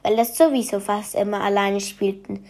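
A woman reading a children's bedtime story aloud, softly, sometimes dropping to a whisper for suspense. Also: mid-range voice, fairly even intonation, moderate pace. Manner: soft, at times whispered for suspense.

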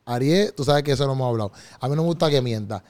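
A man's voice: medium pitch, racing, a little mellow. A man hosting a casual family podcast, teasing and steering whose turn it is. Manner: playful, teasing, steers the turns.

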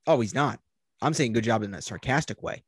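A man's voice: medium pitch, brisk, slightly rough, no echo. A man hosting a sports talk show, running through news items and steering the talk. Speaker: host.

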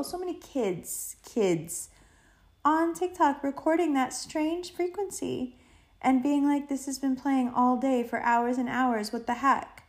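A woman hosting a podcast alone, chatting casually and loosely with playful slang, swearing and drawn-out emphasis. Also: high-pitched, a little mellow. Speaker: podcast host. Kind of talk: casual rambling solo chat.

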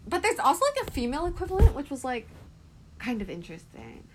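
A woman's voice: high-pitched, sing-song, fast. A young woman co-hosting a casual book podcast, curious and hesitant, full of fillers. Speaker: podcast co-host. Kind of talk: casual book-club chat. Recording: remote call audio with faint background noise.

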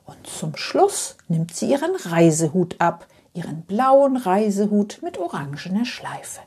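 A woman tells a bedtime story in a soft, half-whispered delivery, repeating phrases to lull the listener. She speaks very slowly, with a mellow, breathy tone. Her pitch rises and falls in a lively way.

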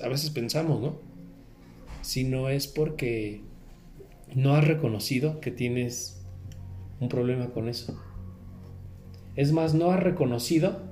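A man's voice: fairly high pitch, warm tone, echoey room. A man giving an earnest spiritual talk to a group, repeating his key phrases. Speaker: spiritual speaker.

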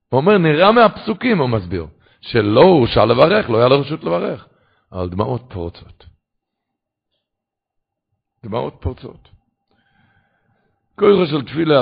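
Gravelly husky male preacher. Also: medium pitch. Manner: fervent, swings to loud exclamations. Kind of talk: Torah sermon. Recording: dull lo-fi recording.

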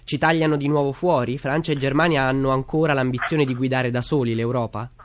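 A man's voice: medium pitch, steady tone, brisk, slight background noise. A man hosting a radio news programme, putting detailed questions to guests. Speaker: radio host.

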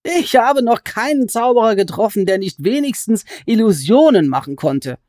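A woman voicing a defiant young heroine who answers a goblin with sharp, scornful retorts. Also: on the high side, lively intonation, moderate pace, no room sound, studio quality, voice pushed up, natural voice.

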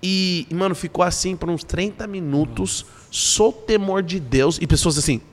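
A young man, a podcast guest, telling stories in a casual, animated way and acting out the voices in them. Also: high voice, normal speed. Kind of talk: casual storytelling. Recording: long hall reverb.

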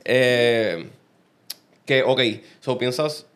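Relaxed, chatty male host. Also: mid-range voice. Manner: relaxed, chatty, quick affirmations. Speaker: podcast host. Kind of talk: casual interview chat.

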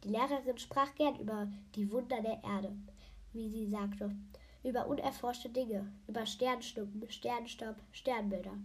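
A woman's voice: on the high side, fairly even intonation, a little slow, breathy edge. A woman reading a children's book aloud for her podcast, often stumbling over words and correcting herself.

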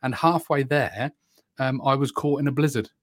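A man co-hosts a casual podcast from home, chatting in a jokey, rambling way into a desk USB microphone. His voice is mid-range and his pace moderate. The sound is clean and studio-like, with no room sound.

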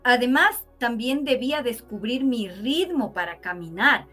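Brief: woman, interview guest, high bright voice, lively storyteller, soft music underneath. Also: measured pace. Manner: animated, acts out quoted voices with exclamations.

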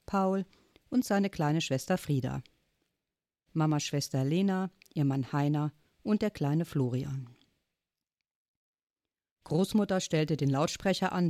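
A woman reading a children's chapter book aloud in a calm storytelling manner. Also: low-pitched, no room sound, studio quality. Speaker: audiobook reader. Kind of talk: scripted story narration.

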